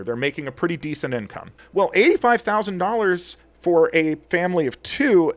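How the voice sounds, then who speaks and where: A man giving an earnest, animated explainer commentary as an attorney and commentator. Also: on the high side. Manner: earnest, animated, gets heated.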